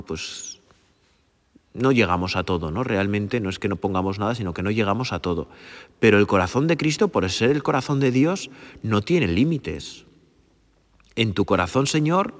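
A man giving a gentle, prayerful sermon, often repeating phrases and asking his listeners for agreement. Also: lowish voice, in a large hall. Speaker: priest. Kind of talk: meditative sermon.

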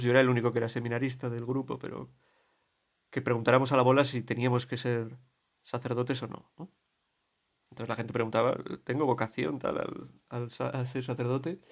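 A man in his thirties with a Spain Spanish accent, a priest giving a spoken meditation in a conversational, digressive way, often correcting himself. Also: mid-range voice.

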